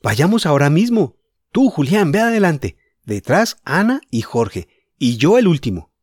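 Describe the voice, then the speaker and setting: A man's voice: medium pitch, sing-song, a little fast, warm tone, no echo, studio quality. A man voicing an enthusiastic boy eager for adventure in a storybook reading.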